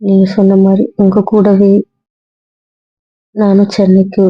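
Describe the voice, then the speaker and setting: A woman's voice: medium pitch, monotone, unhurried, breathy edge. A young woman playing an anxious, guilt-ridden young wife who pleads and apologizes over and over, in a Tamil audio drama role-play. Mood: pleading. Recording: dull lo-fi recording, dry.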